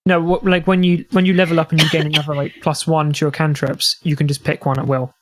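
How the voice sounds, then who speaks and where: A man's voice: a little high, level tone, fast, a loud crowd. A man casually explaining rules to players as the game master of a tabletop game.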